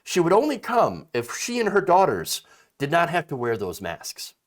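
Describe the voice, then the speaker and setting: Reading a story aloud and then sounding off on it, a man in his thirties offers emphatic political commentary peppered with fillers and restarts. His voice runs on the high side, swinging hugely in pitch at a normal pace.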